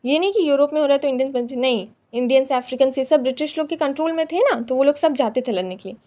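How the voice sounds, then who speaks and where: High-voiced Indian woman teaching a poem. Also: mellow. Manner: explains step by step, often repeating "theek hai"; reads English lines slowly and carefully. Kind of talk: poetry lesson mixing Hindi and English.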